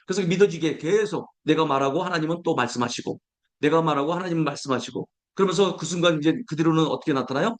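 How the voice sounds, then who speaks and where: High-pitched guy preaching a sermon, animated, slows way down for scripture. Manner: animated, acts out everyday complaints in a raised voice. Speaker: pastor.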